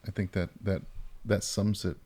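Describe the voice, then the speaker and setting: A man's voice: deep voice, level tone, moderate pace, dark tone. A man hosting a talk show, speaking in an appreciative, conversational way. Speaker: podcast host. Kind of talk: casual conversation.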